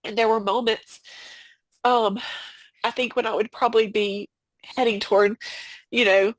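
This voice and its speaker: A woman guest on a podcast, speaking about a personal loss in a halting way, full of fillers and restarts. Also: fairly high pitch, fairly even intonation, no room sound. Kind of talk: emotional personal conversation.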